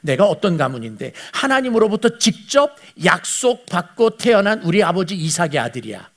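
A man preaching a sermon as pastor, telling the story in an animated way and asking his listeners questions. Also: high-pitched, normal speed.

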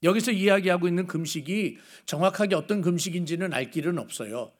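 A man's voice: sits high, fast talker. A middle-aged male pastor giving a sermon in a conversational way, telling anecdotes and asking the congregation rhetorical questions.

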